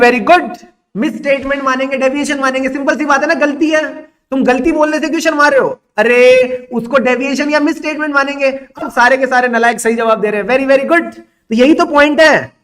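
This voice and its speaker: A man's voice: extremely high pitch, moderate pace, fairly bright tone. A man with an Indian accent, teaching a revision lecture in a playful, teasing way and acting out concepts as characters.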